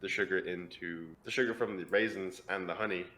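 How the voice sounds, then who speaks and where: A man on a podcast, casually explaining something in a halting way with lots of fillers. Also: sits low, fairly even intonation, pushed and bright. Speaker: podcast co-host. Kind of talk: casual chat.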